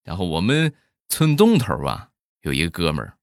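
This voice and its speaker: Animated low-voiced male comic storyteller. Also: vocal fry, no room sound, clean studio sound. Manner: animated, drawn-out trailing 'ah's. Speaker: comedian storyteller.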